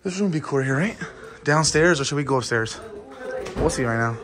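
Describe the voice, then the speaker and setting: A man's voice: mid-range voice, expressive, fairly quick, a bit bright, slight background noise. A young man filming a casual road-trip vlog on his phone, loose, profane and joking with friends. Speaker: vlogger. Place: gas station, car and new house. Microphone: handheld phone camera.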